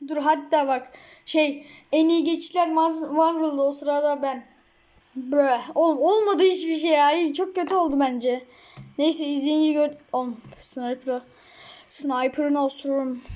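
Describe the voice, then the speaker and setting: Excitable high-voiced woman gamer. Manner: excitable, rambling, frequent laughs and outbursts. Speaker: mobile gamer. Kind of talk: casual gameplay commentary.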